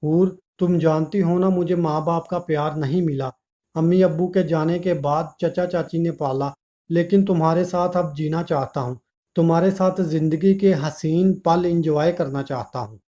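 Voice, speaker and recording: A man's voice: a little high, steady tone, moderate pace, dark tone, lightly acted. A man voicing a loving young husband who pleads tenderly, in a dull lo-fi recording. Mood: hurt.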